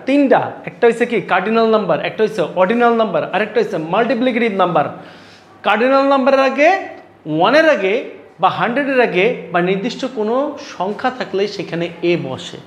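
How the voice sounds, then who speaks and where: A man's voice: sits high, echoey room. A male English grammar teacher from Bangladesh, teaching a class in casual speech and teasing and scolding his students.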